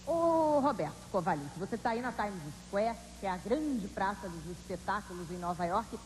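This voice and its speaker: A woman's voice: mid-range voice, moderate pace. A woman with a Brazilian accent hosting a news show in a scripted but conversational style. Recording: reverberant hall with faint noise.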